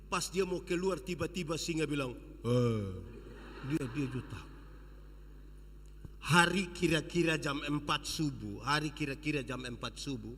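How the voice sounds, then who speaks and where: A pastor with a Sumba accent telling a story in a revival sermon, swinging dramatically between shouts and hushed moments. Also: male voice, on the high side, slight background noise. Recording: long church hall reverb.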